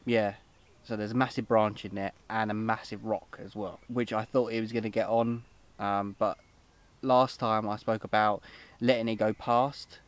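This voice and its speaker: A man's voice: fairly low pitch, steady tone, normal speed. A young British man vlogging outdoors at a lake, talking in an upbeat, rambling way with lots of fillers, filmed on a camera close by. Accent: British English. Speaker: fishing vlogger. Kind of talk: casual outdoor vlog. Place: lakeside, outdoors and under a fishing shelter.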